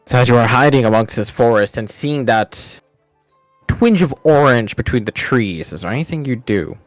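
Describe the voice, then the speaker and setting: Male game master, measured suspenseful fantasy narration, dry recording, faint music underneath. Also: mid-range voice, lively intonation, dry recording.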